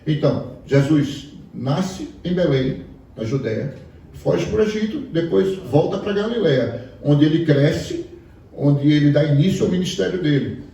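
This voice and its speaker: A man from Pernambuco, Brazil, speaking Pernambuco-accented Portuguese, preaches a sermon like a story and puts questions to the congregation. His voice sits on the high side, gravelly yet mellow, with lively intonation and a moderate pace. It's captured from afar in an echoey hall.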